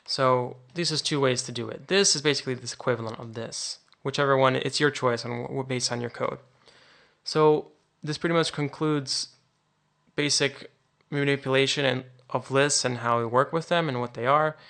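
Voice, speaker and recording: A man's voice: mid-range voice, fairly even intonation, normal speed, gravelly, fairly bright tone. A man teaching programming in an informal, think-aloud way, often restarting his sentences, over a screen-recorded coding tutorial. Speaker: programming instructor.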